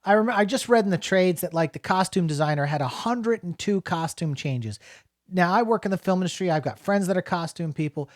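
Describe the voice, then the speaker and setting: Middle-aged jersey guy rambling thru a movie review, bit high voice, dry close sound. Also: a little fast, no echo. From New Jersey. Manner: rambling, lots of fillers and restarts. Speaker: film reviewer. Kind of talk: casual spoken review.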